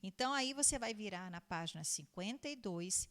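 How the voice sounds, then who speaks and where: A woman, a primary school teacher giving a recorded lesson to young children, patiently repeating points, answering her own questions and drawing out words slowly. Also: medium pitch, lively intonation, a bit bright. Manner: stretches out words slowly when spelling them out.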